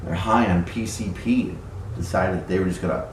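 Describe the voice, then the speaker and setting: A man's voice: sits low, normal speed. Man, sarcastic, swearing, house walkthrough, very echoey bare rooms, heard from a distance, faint noise. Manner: sarcastic, profane, jokey. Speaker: vlogger renovating a run-down house. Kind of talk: casual walkthrough commentary. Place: empty house interior.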